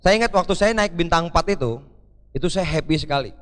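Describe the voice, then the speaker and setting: A man's voice: fairly high pitch, quick pace. A man giving a live motivational talk to an audience on stage, telling stories, acting out what people said and often turning back to the crowd. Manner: lively storyteller who acts out quoted dialogue and keeps addressing the audience. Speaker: motivational speaker. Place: large event hall. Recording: live hall recording with long reverb.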